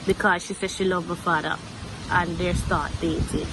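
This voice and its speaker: A woman's voice: lowish voice, steady tone, normal speed. A woman in her twenties with a Jamaican accent, telling a personal story earnestly and repeating herself for emphasis. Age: 20s. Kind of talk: emotional personal account. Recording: noisy background.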